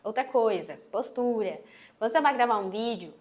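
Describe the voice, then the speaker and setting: Woman, Brazilian accent, sweet gentle voice, somewhat high, online lesson, emphatic, phone on a tripod. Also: animated, quick pace. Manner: emphatic, closes phrases firmly. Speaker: marketing instructor.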